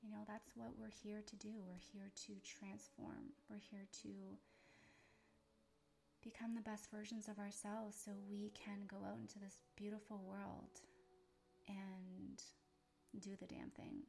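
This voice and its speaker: A woman guiding a tapping meditation in a slow, soothing, often whispery way. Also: mid-range voice, flat delivery, gravelly, warm tone. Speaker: EFT tapping guide.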